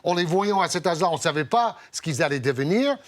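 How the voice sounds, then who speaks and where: A middle-aged man, a basketball commentator, recalling the past slowly with many fillers. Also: fairly high pitch, animated, no room sound. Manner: measured, hesitant with many fillers. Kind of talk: talk show guest recollection.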